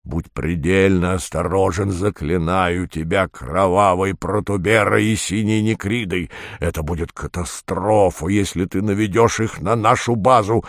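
A man puts on a greedy space pirate boss with a booming, fat-sounding voice that sinks low and drags slowly. He is panicky and whines over his losses. The audiobook voice is dry and close. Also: no echo. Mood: whining, panicky. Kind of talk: audiobook reading.

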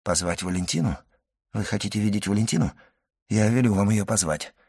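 A man reading a grave, hushed doctor. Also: fairly low pitch, gravelly, breathy edge. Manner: solemn, measured, hushed. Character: grave middle-aged male physician, solemn, grim. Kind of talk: audiobook reading.

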